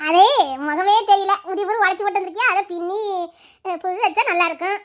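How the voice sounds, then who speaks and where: A woman's voice: extremely high pitch, steady tone, a little fast. A woman playing a blunt, gossipy older village mother of the groom. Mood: scolding. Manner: scolding, gossipy, preachy.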